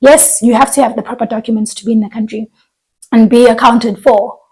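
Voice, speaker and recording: Husky woman chatting. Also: fairly high pitch, fairly even intonation, a little fast, a little mellow, poor audio. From southern Africa, living in South Africa. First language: a southern African language. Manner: thoughtful, trails off and restarts mid-thought. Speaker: podcast co-host. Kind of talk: casual chat.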